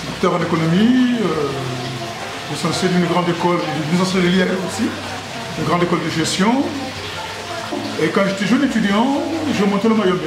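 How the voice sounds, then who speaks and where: In his own restaurant, a Congolese restaurant owner in his sixties answers interview questions in a jovial, rambling way, often repeating himself. His male voice is high and expressive at a moderate pace. The casual interview was recorded in an echoey room with loud background noise.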